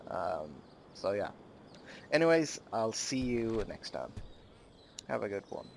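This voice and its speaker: A man hosting a let's play, giving casual, halting commentary on a strategy game with many pauses. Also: lowish voice, big pitch swings, gravelly, a little hiss or hum. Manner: halting, many ums and uhs.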